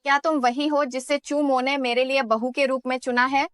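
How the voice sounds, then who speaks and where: A woman's voice: high-pitched, flat delivery, normal speed, smooth, dry recording, studio quality, soft background music, natural voice. A woman dubbing the role of a middle-aged mother who suspiciously questions her son's girlfriend. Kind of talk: dubbed drama acting.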